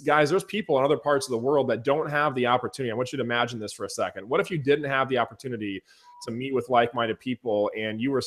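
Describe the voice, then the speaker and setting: Male webinar host, mid-pitched, hoarse from losing his voice, upbeat pitch to his viewers over a call mic. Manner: energetic, enthusiastic pitch to viewers. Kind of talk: casual webinar chat.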